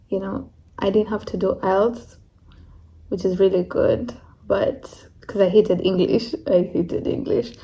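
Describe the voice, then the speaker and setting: Chatty young woman, mellow voice. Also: mid-range voice, low-quality recording. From Kenya. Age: young adult. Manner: candid, chatty, fills with "like" and "you know". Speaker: international student vlogger. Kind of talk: casual vlog chat.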